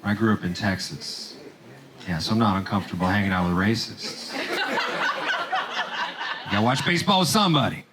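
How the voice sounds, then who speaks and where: A man from Romania performing a stand-up set on a theater stage, with deadpan jokes and quick voiced asides. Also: lowish voice, background noise. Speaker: stand-up comedian. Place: comedy theater stage with live audience. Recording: live stage recording with crowd laughter.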